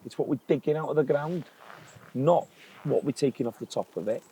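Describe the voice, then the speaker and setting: A plain-spoken man who farms for a living talks earnestly in an interview. He is recorded outdoors in the countryside. Insects hum and rural noise sits clearly behind his voice. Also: a little high, a little fast, mellow, poor audio. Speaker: farmer. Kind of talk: documentary interview.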